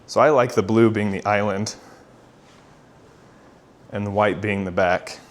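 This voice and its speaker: Upbeat man giving a home tour. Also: on the low side. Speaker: real estate agent giving a model home tour. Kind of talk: walk-through home tour, casual presenting.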